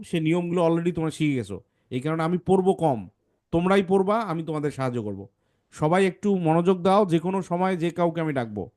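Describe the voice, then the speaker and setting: A man's voice: a little high, darkish tone. A man teaching English phonics to a children's class, patiently correcting pronunciation sound by sound.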